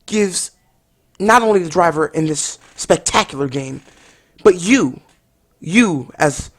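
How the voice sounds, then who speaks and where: A woman delivering an overdramatic, mock-earnest parody review monologue as a game reviewer. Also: lowish voice.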